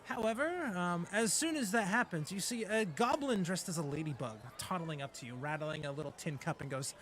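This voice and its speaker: A man narrating a tabletop game as game master, rambling and filling pauses with ums and uhs. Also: high voice, fairly bright tone, a little hiss or hum.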